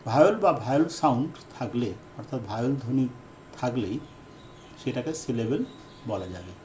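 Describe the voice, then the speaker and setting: A man who is an English teacher giving a lesson, repeating his key definitions and speaking in slow, deliberate phrases with fillers. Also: medium pitch, expressive, a little mellow, slight background noise. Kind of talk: explanatory lesson lecture.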